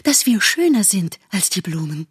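A woman voicing a vain, affected male butterfly in a storybook, talking high, airy and condescending. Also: sing-song, normal speed, breathy edge. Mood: haughty.

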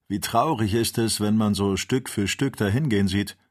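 A man's voice: on the low side, moderate pace, a little mellow, lightly acted. A man voicing a loyal, cheerful young male servant in an audiobook, with an offhand, plucky manner. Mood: earnest.

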